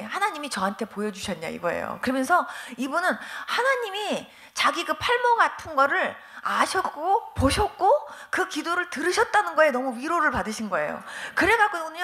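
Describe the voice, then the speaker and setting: A woman's voice: high-pitched, sharp tone. A middle-aged woman pastor giving a testimony sermon at a church revival meeting, telling stories with animation and acting out the voices of the people she quotes. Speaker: guest pastor.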